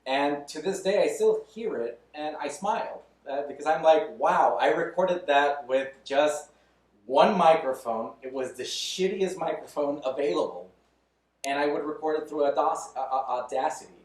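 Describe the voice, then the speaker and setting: A man in his thirties with a fairly high, darkish-toned voice speaks at a moderate pace as a podcast guest. He talks loosely and candidly in casual interview chat, chuckling now and then. The recording has a roomy echo from a distant mic.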